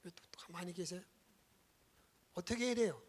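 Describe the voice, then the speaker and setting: A woman's voice: lowish voice, moderate pace, darkish tone, breathy edge. A woman pastor giving a Sunday sermon, telling the story dramatically, acting out the lines and dropping into whispers.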